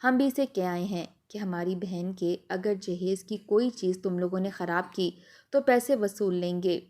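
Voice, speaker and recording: A woman's voice: mid-range voice, darkish tone, close to an everyday voice. A woman voicing an angry, protective older brother in a storybook narration, blunt and commanding.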